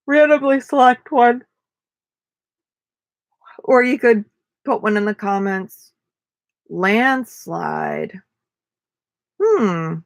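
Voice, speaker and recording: A woman's voice: on the low side, dry recording. Tired young woman chatting on a live stream. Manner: rambling, many fillers. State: tired, yawning. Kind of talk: casual live-stream chat.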